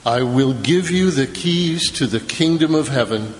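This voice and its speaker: Brief: man, gospel reader at mass, unhurried, steady proclamation, long cathedral echo. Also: medium pitch. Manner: slow, measured proclamation. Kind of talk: liturgical scripture reading. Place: large church. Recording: long church reverb.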